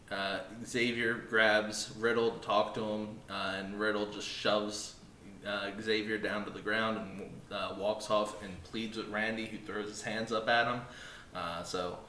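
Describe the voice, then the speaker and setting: A man's voice: lowish voice, pushed and bright. A man co-hosting a casual wrestling review podcast, blunt and sarcastic, swearing freely. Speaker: podcast co-host. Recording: echoey room with faint noise.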